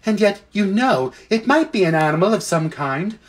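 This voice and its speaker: A gentle she-elephant muses aloud in a raised, lilting voice, thoughtful and reasonable. A man puts her on while reading a storybook, his pitch lifted and rolling widely. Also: sing-song, moderate pace. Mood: musing. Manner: musing, reasonable.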